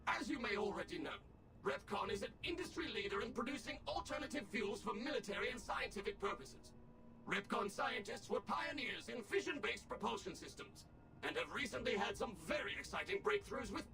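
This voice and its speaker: Too-smooth cheery robot guide. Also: male voice, animated, brisk, sharp tone, soft background music, full character voice. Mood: cheery sales pitch. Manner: polished, sales-pitch delivery. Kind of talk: video game character dialogue.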